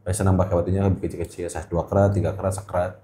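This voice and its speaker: A middle-aged Indonesian man with a Jakarta accent, a gemstone trader, chats casually as an interview guest and often repeats words for emphasis. His voice sits low and level, warm in tone, and he talks at a racing pace. The room is echoey.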